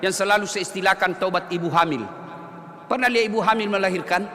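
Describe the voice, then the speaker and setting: A man from Sulawesi preaching a humorous sermon, joking, shouting and chanting at times. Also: high voice, fast talker. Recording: echoey hall, faint ambience.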